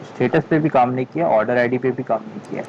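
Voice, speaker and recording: Male coding tutor, casual and deliberate, thinks aloud, lo-fi recording with faint hiss. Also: medium pitch, a little mellow. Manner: thinks aloud, frustrated muttering "yaar", frequent "theek hai"; speaks slowly on purpose.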